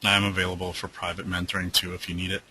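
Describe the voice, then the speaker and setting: A man's voice: deep voice, completely flat delivery, very fast, bright, forceful tone, a little hiss or hum, rough recording. A man hosting a live trading webinar who answers viewer questions in a loose, rambling way with lots of fillers, and who is losing his voice.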